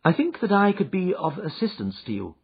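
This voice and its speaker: Guy reading as a smooth confident detective, bland and cheery, lively up-and-down voice, bit husky, muffled sound. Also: high-pitched, a little fast, voice pushed up, full character voice. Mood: suave. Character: calm, confident male detective.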